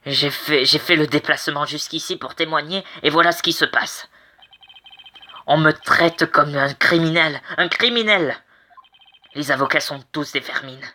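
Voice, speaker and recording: A man's voice: on the high side, steady tone, brisk, few pauses, pushed and bright. A man voicing an angry, ranting male murder witness in an amateur game voice-over. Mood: indignant. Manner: indignant, ranting.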